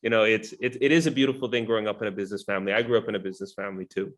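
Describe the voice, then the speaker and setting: A man hosting a casual interview asks long, rambling questions packed with "um" and "you know," keeping things friendly and chatty. His voice is fairly low and steady, and he talks rapid-fire.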